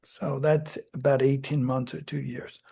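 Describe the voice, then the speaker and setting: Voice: mid-range voice, flat delivery, measured pace, vocal fry, dark tone, breathy edge. A psychology lecturer explaining child development to a class in a conversational, self-correcting way, acting out examples. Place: lecture room.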